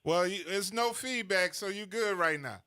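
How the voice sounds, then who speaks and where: Smooth, bright-voiced New radio host. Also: male voice, high voice. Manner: easygoing, repeats himself and spells things out slowly. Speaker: radio talk show host. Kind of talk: smooth radio hosting, taking calls.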